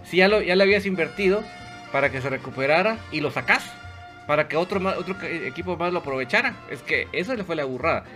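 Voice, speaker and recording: A man's voice: fairly high pitch, animated, fast, sharp tone, soft background music. A man co-hosting a casual sports podcast, giving blunt, critical opinions. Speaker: podcast co-host.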